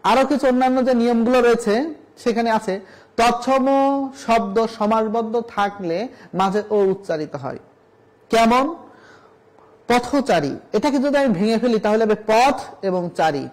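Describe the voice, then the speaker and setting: A man's voice: extremely high pitch, moderate pace, poor audio. A man, a college Bengali lecturer, teaching pronunciation rules to students, repeating example words and asking rhetorical questions. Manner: addresses students directly, asks rhetorical questions. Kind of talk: recorded classroom lesson on pronunciation.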